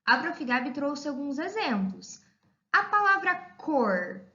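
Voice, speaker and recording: A woman giving a children's lesson as a primary school teacher, talking slowly and spelling things out clearly. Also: high voice, very animated, pushed and bright. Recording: dull lo-fi sound.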